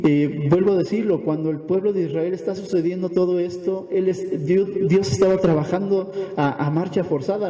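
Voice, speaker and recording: A man's voice: on the high side, dark tone. A man preaching a sermon as pastor, asking rhetorical questions and tagging on "¿verdad?", recorded in a church hall.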